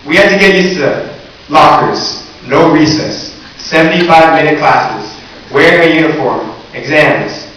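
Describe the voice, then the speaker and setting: Speaking unhurriedly in a slightly high, fairly bright voice, a teenage boy delivers the valedictorian's graduation address, sincere but with some humor. The recording comes from far back in a big, echoing hall or gym and carries hiss.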